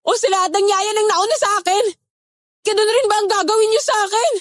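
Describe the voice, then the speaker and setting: A woman's voice: extremely high pitch, fast talker, dry recording, studio quality. A woman playing a frightened young nanny held captive, pleading and stammering.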